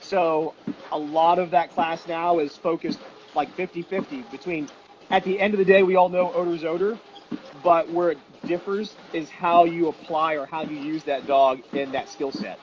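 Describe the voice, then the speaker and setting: A man with a higher voice, a dog detection trainer and instructor, explains things in a casual interview, teaching informally and emphatically, asking himself questions and giving examples. His intonation is fairly even and his pace moderate. The lo-fi recording sounds dull with faint noise.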